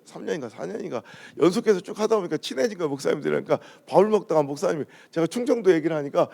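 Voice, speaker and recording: A man's voice: sits high, gravelly. A man from Chungcheong preaching at a dawn revival service, telling humorous stories and mimicking the way people talk. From Chungcheong, Korea. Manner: storytelling, mimics regional dialogue, lively jokes. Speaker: pastor. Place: church sanctuary.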